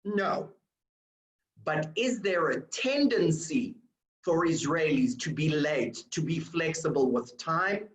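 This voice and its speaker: Guy running a culture training session, fairly high voice, kinda echoey room, lots of ums. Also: animated, slow pace. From South Africa. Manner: explanatory, with fillers and restarts.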